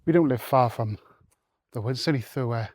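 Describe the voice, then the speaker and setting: A man's voice: mid-range voice, brisk, darkish tone, no echo, clean studio sound. A married man talking casually to camera while out walking in open fields, rambling with many fillers and restarts, a little out of breath. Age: adult, married. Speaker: vlogger.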